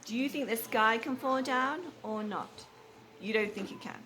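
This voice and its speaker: A read-aloud storyteller with a fairly high voice and moderate pace shares a storybook with a class of young children. She asks questions in a teacherly way and repeats the answers back, in a noisy, echoey school room with background noise.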